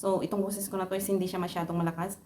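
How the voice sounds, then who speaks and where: A woman from the Philippines, working overseas, reviewing a clip-on mic in a casual vlog. She talks softly on purpose, chatting in mixed Tagalog and English with lots of fillers. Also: flat delivery, a little hiss or hum. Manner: soft-spoken, deliberately keeps voice low; chatty Taglish with many fillers. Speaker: overseas worker vlogger. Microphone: phone with clip-on lavalier mic.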